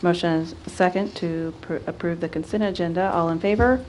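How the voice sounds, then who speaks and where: Brief: woman chair, fairly low voice, brisk agenda-reading, council chamber desk mic. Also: steady tone, a little mellow, a little hiss or hum. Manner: brisk, reads agenda items aloud. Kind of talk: running a council meeting.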